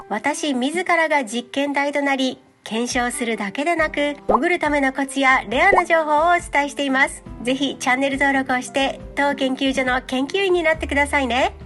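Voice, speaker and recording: A woman's voice: sits high, moderate pace, few pauses, a bit bright. A woman narrating a scripted video as its host, in a polite, explanatory presenter style. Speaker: host of a free-diving and mermaid swimming channel. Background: background music.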